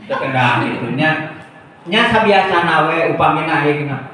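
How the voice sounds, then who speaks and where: A man's voice: fairly high pitch, lively intonation, normal speed, sharp tone, slight background noise. A man leading a teachers' workshop, explaining casually with frequent chuckles. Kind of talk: workshop instruction. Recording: echoey room, distant mic.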